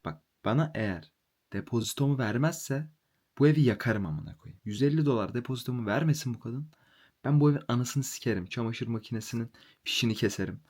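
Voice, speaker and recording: Fast-talking heated young man venting. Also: on the low side, darkish tone. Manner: fast, heated, swearing freely. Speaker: vlogger. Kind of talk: casual venting monologue.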